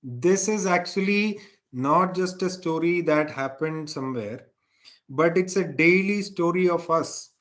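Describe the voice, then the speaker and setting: A man with a slightly bright, fairly high voice leads a satsang, teaching spiritual texts at an unhurried pace. His explanations are informal, and he often tacks on a questioning tag to make sure listeners follow.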